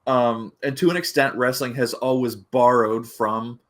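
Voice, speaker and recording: A man's voice: medium pitch, fairly even intonation, a little slow. A man talking casually on a podcast, rambling with many restarts and a grumbly edge. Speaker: podcast panelist.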